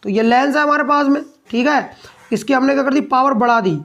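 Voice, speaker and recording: A man teaching science to a class, firing questions at the students and answering them himself. He repeats each key point, then slows right down to dictate notes word by word. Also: very high voice, a bit bright. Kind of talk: classroom lesson.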